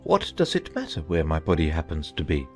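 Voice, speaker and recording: In a storybook drama, a man plays a gentle old knight who is a solemn, muddled inventor, rambling thoughtfully and earnestly with faint music underneath. The delivery is heavily acted and a little fast, his pitch swooping wildly between low and high. He sounds absorbed and self-assured.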